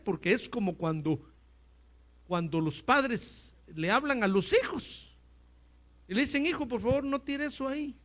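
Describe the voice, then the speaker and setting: A male pastor delivers a lively sermon in church, speaking directly to his congregation. His voice sits high and swings widely in pitch. He keeps things animated and drops in humorous asides. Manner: animated preaching with direct address to listeners.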